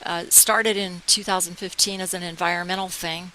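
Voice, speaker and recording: An older American woman, raised in a military family abroad, talks as an interview guest and organization founder, reminiscing in a casual, rambling storytelling way. Her voice is lowish and sharp, with fairly even intonation and a moderate pace. The rough recording carries a clear hiss behind her.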